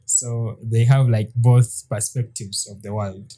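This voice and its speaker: Hesitant thirty-something man, very dark voice. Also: lowish voice, level tone, takes it slowly. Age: 30s. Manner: hesitant, with frequent restarts and soft laughs. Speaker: podcast co-host. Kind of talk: casual chat.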